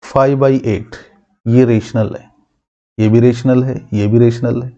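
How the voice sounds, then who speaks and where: A male math teacher gives a classroom lesson, asking his students questions, answering them himself, and slowly repeating key terms. His voice is medium-pitched, steady and warm, though the audio is dull.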